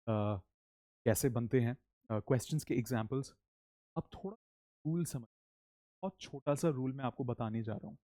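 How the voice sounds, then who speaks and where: A man teaching English in Hindi, leading slow, animated repeat-after-me drills. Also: medium pitch, no room sound, clean studio sound. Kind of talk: spoken English lesson in Hindi.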